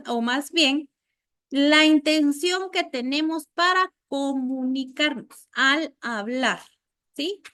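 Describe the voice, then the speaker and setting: A woman teacher lecturing a class, explaining with everyday examples and often checking in with "¿verdad?". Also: high voice. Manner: acts out little quoted scenes in lively voices.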